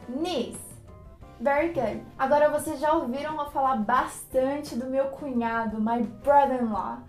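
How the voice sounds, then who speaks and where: A high-voiced woman with a Brazilian Portuguese accent, whose first language is Portuguese, teaching an English lesson and pausing after words for students to repeat. She talks slowly and sounds out each English word with care. The room echoes, and soft music plays faintly underneath. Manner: slow, careful pronunciation of English words.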